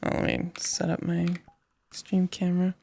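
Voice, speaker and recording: A woman's voice: lowish voice, completely flat delivery, moderate pace, gravelly, a little mellow. A woman composing music live in VR, chatting casually with her stream audience, laughing often and muttering to herself over technical glitches.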